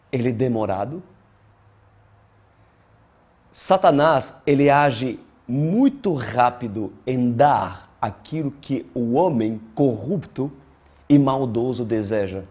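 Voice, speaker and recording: Husky and mid-range, this male pastor's voice is slow and mellow as he preaches a sermon. Portuguese came to him in adulthood, not as a first language. He lingers deliberately, stresses points emphatically, and leans on dramatic pauses and repeated phrases.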